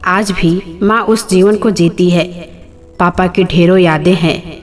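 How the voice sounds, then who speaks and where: A woman's voice: on the low side, steady tone, takes it slowly, faint music behind. A woman voicing an angry grown daughter. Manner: indignant, scolding. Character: angry grown daughter confronting her brothers.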